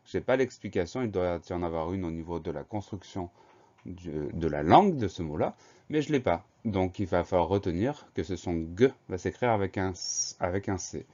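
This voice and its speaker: A man's voice: low voice, expressive, normal speed, warm tone, highs cut off. A man teaching a spelling lesson for children, patiently spelling each word letter by letter.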